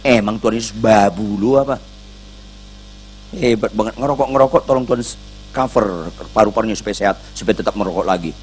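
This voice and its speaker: A man's voice: on the low side, a little fast, a little hiss or hum. A male pastor preaching a sermon in a blunt, scolding, slangy manner, acting out the people in his stories.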